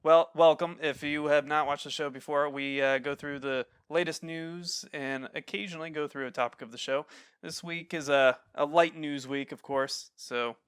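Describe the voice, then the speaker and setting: Male podcast host, casual and upbeat, bright tone, dry close mic. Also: fairly high pitch, fairly even intonation, normal speed, smooth, no echo.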